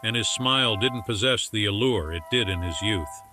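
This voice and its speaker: A man narrating a science fiction audiobook in a measured storytelling delivery, over music. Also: lowish voice. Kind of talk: scripted narration.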